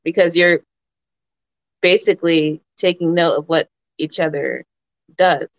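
A woman with a fairly low voice talks things through in a casual, measured way. The recording is a little dull, with room echo around her words. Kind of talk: casual conversational discussion. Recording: echoey room, slightly muffled sound.

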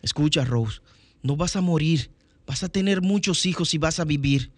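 A man's voice: fairly high pitch, moderate pace, close to an everyday voice. A man voicing an earnest young male romantic lead in a tender, heartfelt film dub delivery.

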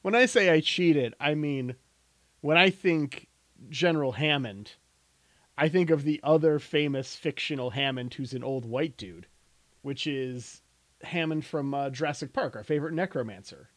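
A man's voice: on the high side, moderate pace, a bit bright, no echo. A man co-hosting a podcast who also runs tabletop games, chatting casually and telling stories playfully. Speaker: podcast co-host, game master. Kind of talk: casual chat.

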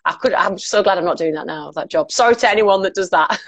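A woman's voice: mid-range voice, fast. A woman in her late twenties with a Northern English accent, a radio presenter chatting informally as a guest and telling anecdotes. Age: late 20s. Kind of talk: casual chat, telling anecdotes.

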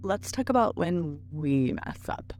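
A woman's voice: fairly low pitch, expressive, a little slow, a little mellow, faint music behind. Candid woman hosting a parenting podcast. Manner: candid, reflective storytelling. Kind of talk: casual podcast monologue.

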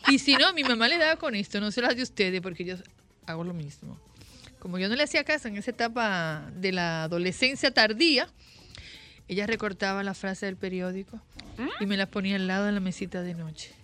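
A bright-toned middle-aged woman from the Dominican Republic speaks in a casual, reflective chat, often dropping her voice low as she remembers. Her pitch sits mid-range, with soft music playing faintly behind. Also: animated, brisk.

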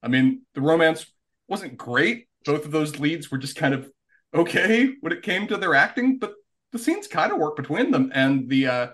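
A man's voice: fairly high pitch, sing-song, moderate pace, fairly bright tone. A man co-hosting a casual podcast, talking in an analytical way with stumbling restarts. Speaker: podcast co-host.

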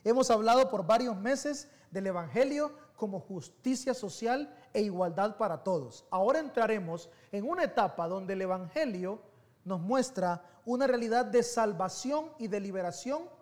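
A man giving a sermon as pastor, telling personal stories in an animated, conversational way that swings between soft and loud. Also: high voice, normal speed.

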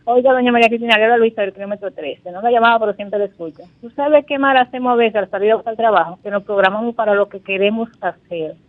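A woman's voice: on the high side, fast, hardly any pauses, no room sound. Woman caller, chatty, folksy, call-in radio, tinny phone line, dry sound. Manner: chatty, folksy, offers blessings.

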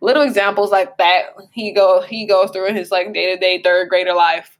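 A woman's voice: mid-range voice, fairly even intonation, normal speed. A woman co-hosting a casual parenting podcast, talking earnestly with many fillers. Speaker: co-host.

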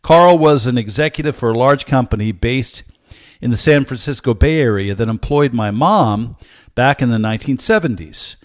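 An older American man hosting a program, teaching in an earnest, measured way with frequent pauses. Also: medium pitch, no room sound, clean studio sound. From United States. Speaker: host, Bible teacher. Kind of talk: teaching monologue with personal story.

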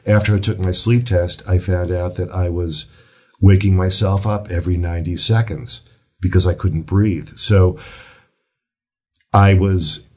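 A man, an author being interviewed as a guest, telling his story in a reflective, measured way. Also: low voice, darkish tone. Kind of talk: casual interview.

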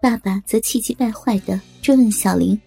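A woman narrating a serialized story in a steady, dramatic storytelling manner. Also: mid-range voice, moderate pace, creaky, husky, soft background music.

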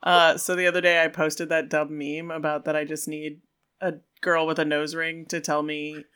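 A man co-hosting a podcast, teasing his friends with wry deadpan asides in casual banter. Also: on the high side, normal speed, background noise. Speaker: podcast co-host.

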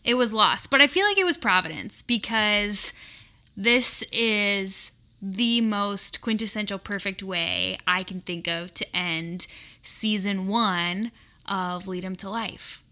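A woman's voice: medium pitch, takes it slowly, bright, forceful tone. A woman hosting a podcast from her living room, chatting in a bubbly, giggly, rambling way. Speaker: podcast host. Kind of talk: casual chat.

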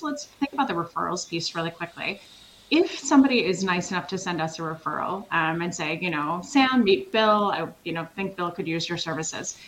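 A middle-aged woman from Switzerland, a consultancy founder answering interview questions in an energetic, emphatic way and laughing easily. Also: on the low side, a little hiss or hum, rough recording. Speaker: sales consultancy founder, guest.

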